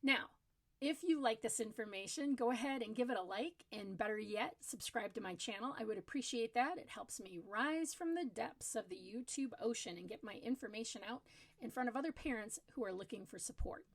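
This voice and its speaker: A woman's voice: fairly high pitch, animated, brisk. Earnest middle-aged woman giving parenting advice. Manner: earnest, explanatory, leans on repetition for emphasis. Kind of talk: casual advice talk to camera.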